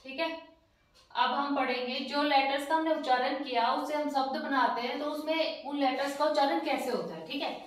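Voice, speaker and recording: A woman's voice: high voice, moderate pace. A woman teaching the alphabet, patiently spelling letters one by one and checking in with her learners. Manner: patient, spells letters one by one, often says "theek hai". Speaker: language teacher. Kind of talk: slow step-by-step alphabet lesson. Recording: very echoey room, distant mic.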